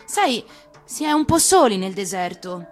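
A woman's voice: mid-range voice, sing-song, unhurried, soft background music. A woman voicing a curious little boy prince in a storybook, earnest, polite and full of wonder. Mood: hesitant.

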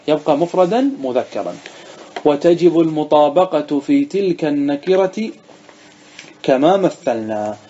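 A man teaching a grammar class as a sheikh, his voice a little high yet mellow. He reads a line of the text, explains it and asks his students questions. The recording is dull and lo-fi. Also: husky. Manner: reads the text aloud then explains, quizzing students who answer.

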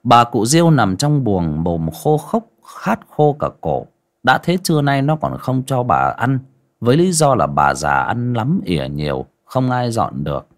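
A man narrating a ghost story in an expressive storytelling way. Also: mid-range voice, measured pace. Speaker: audiobook narrator.

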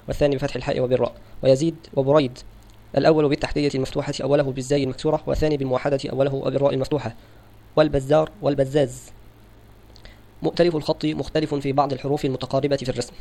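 A man reading a religious scholarly text aloud for an audiobook, in a steady, formal recitation. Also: mid-range voice. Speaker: audiobook reader.

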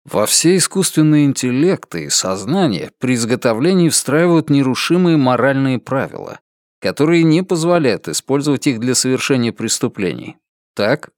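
A man's voice: mid-range voice, lively intonation, moderate pace, no echo, lightly acted. A man voicing a blunt, skeptical male space pilot in an audiobook, close to his own voice.

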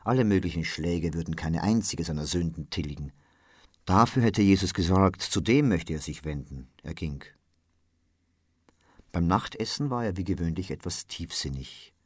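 Deep-voiced man reading literature aloud. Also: expressive, normal speed, breathy edge, no echo, studio quality. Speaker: narrator. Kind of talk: literary reading for radio drama.

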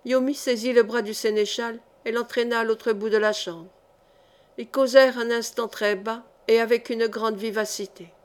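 Lectrice de livre audio, voix assez aiguë. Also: female voice, fairly high pitch, steady tone, moderate pace. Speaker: audiobook reader. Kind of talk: reading a historical novel aloud.

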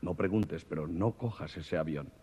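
A man doing a low solemn guardian angel. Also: slightly rough. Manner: slow, low and hushed. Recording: dull reverberant old cassette recording.

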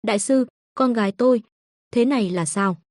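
A woman's voice: on the high side, normal speed, dry recording, clean studio sound, close to an everyday voice. A woman narrator voicing a frightened, grieving middle-aged father who speaks in an anxious, pleading way.

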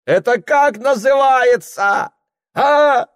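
Furious peasant, bellowing, very high strained yell, slow heavy words. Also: male voice, smooth, dry recording, clean studio sound. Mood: enraged shouting. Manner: bellowing, outraged yelling. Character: furious peasant man in bast shoes.

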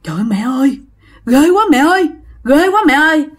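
A woman's voice: sits high, animated, normal speed. Woman voicing a scared young son, Southern Vietnamese accent, breathless. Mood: terrified. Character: terrified young adult son.

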